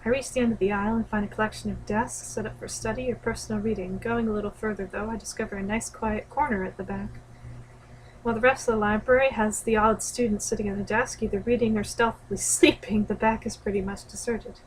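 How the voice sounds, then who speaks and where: A woman's voice: mid-range voice, steady tone, fast, slight background noise, poor audio. A young woman reading a visual novel aloud as a streamer, adding casual comments, sometimes stumbling over lines and rereading them. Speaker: let's play streamer.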